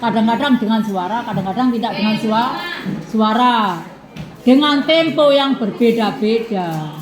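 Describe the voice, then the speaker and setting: A woman teacher, taking a class through questions and answers, ending many phrases with a checking "ya" and repeating answers slowly for students to write down. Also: on the high side, expressive. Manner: tags nearly every phrase with a questioning "ya". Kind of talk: classroom lesson. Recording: echoey classroom with students behind.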